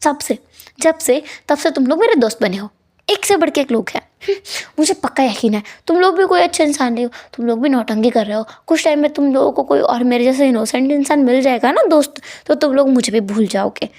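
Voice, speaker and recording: A woman's voice: sits high, expressive, a little fast, a little mellow. A woman voicing an innocent young man who is hurt and tearful, speaking in a pleading, emotional way. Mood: hurt, upset.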